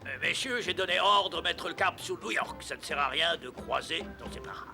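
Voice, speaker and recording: A commanding cartoon sea captain with a gravelly, sharp edge to a fairly high voice. He barks orders. Music plays faintly beneath. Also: animated, heavily acted. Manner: commanding, brisk. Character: brisk ship's captain giving orders. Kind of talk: cartoon dubbing.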